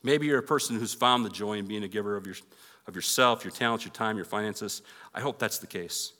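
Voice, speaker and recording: A man's voice: fairly low pitch, fairly quick, bright, forceful tone, long reverb tail. A male pastor preaching a conversational sermon in a church and leading an earnest prayer. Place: church sanctuary.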